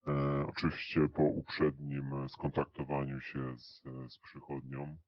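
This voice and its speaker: An interview guest answers questions in a recorded interview, his level voice electronically pitched down to disguise him. He hesitates a lot, pausing on drawn-out "e" fillers, and the lo-fi audio sounds dull and muffled.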